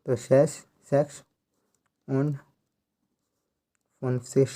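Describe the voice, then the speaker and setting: A man giving a slow tutorial, counting out numbers one by one and explaining how each is read. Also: mid-range voice, fairly even intonation, dark tone. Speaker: language teacher.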